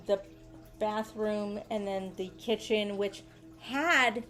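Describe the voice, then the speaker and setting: A woman's voice: mid-range voice, takes it slowly, fairly bright tone, soft background music. A woman co-hosting a casual podcast chat, talking with a slight lisp. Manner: brief agreeing interjections. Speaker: podcast co-host.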